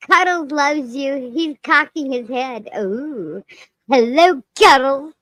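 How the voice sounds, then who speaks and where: A woman voicing a cheeky, crude, childlike lemur puppet with a loud, sharp, piercing voice, in improvised comedy. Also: high voice, very slow, long pauses, no room sound, exaggerated voice. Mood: gleeful, cheeky. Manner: playful, giggly, potty-mouthed. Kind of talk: improvised live-stream character comedy.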